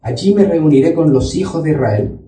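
A pastor with a dark-toned, fairly high, animated voice preaches a sermon at a moderate pace, teaching Bible study and reading scripture aloud. He sounds far from the microphone in an echoey hall.

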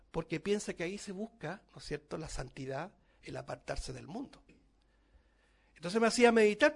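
A man preaching a sermon to his congregation, lifting his voice on key words and dropping to a hush at the ends of phrases. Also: a little high, gravelly. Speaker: pastor.

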